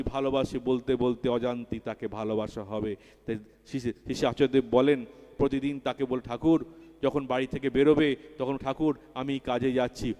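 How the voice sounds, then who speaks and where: Fervent preacher in an echoing hall. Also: male voice, medium pitch, darkish tone. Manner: fervent, repeats key words and rises in emphasis. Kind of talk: devotional sermon. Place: large hall at a religious festival. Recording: long hall reverb.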